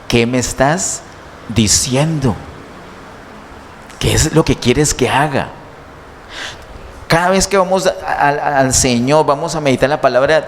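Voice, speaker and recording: A man preaching a sermon in a church, teaching step by step and asking his listeners many questions. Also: mid-range voice. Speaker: pastor. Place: church hall. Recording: church hall reverb, faint noise.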